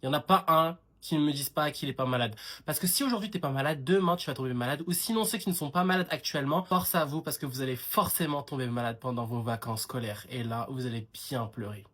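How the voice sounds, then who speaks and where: A young man doing comic sketches and ranting in an animated, sarcastic way. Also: mid-range voice, fast talker, hardly any pauses. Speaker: comedy creator.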